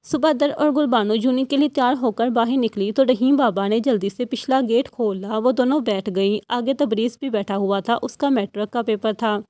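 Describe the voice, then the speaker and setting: Female audiobook narrator, steady, expressive, slightly high voice. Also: hardly any pauses, no echo, clean studio sound. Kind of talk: audiobook novel reading.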